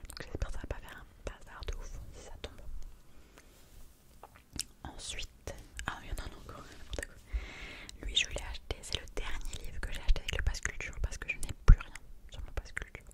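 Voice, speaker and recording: A young adult speaks in a soft, library-like ASMR whisper, reading aloud and chatting informally about books. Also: a little fast. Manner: reads blurbs aloud with informal asides. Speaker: ASMR book haul creator. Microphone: streaming microphone close by.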